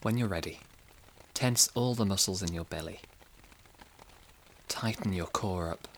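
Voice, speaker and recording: A man guiding a relaxation exercise and narrating a sleep story in a slow, soft, soothing way. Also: deep voice, slight background noise, rough recording.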